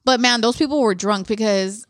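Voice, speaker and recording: A woman co-hosting a podcast, telling lively stories in casual chat and swearing freely. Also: on the high side, normal speed, no room sound, clean studio sound. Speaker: podcast co-host.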